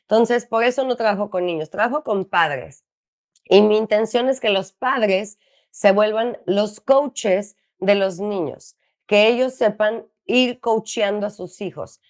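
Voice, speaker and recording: A middle-aged woman with a Mexican accent, an ADHD coach for parents, explaining earnestly in an interview and asking herself questions that she then answers. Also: mid-range voice. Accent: Mexican Spanish.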